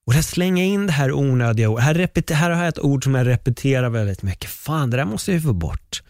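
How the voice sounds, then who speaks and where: A man hosting a solo podcast, talking in an opinionated, animated way with exclamations and laughs. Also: medium pitch, no echo, clean studio sound. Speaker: podcast host.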